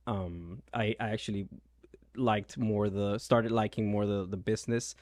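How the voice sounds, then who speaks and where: Low-voiced Venezuelan man, hesitant. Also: steady tone, a little slow, darkish tone, no echo, studio quality. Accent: Venezuelan Spanish. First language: Spanish. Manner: hesitant, many ums and restarts. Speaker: realtor, guest. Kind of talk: casual interview.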